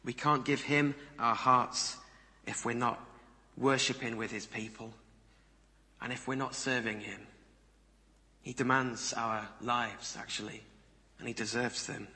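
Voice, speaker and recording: Medium in pitch and steady in tone, this preacher moves at a measured pace with frequent pauses, his delivery bright and forceful. He talks conversationally in his sermon and puts questions to the congregation gathered in a big, echoing room, which the reverberant recording captures.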